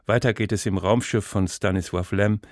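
Brief: male radio presenter, lowish voice, dry studio. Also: steady tone, normal speed, a little mellow, no echo. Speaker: radio host.

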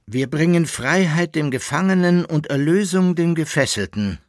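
A man reading an audiobook, voicing calm council elders who speak in a measured, reassuring way. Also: fairly high pitch, no room sound, studio quality, close to an everyday voice.

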